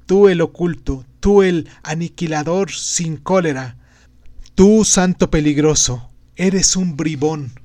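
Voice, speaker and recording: A man's voice: fairly high pitch, takes it slowly, warm tone, no echo. A man voicing the sly, mocking ugliest man. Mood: taunting. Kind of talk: audiobook reading.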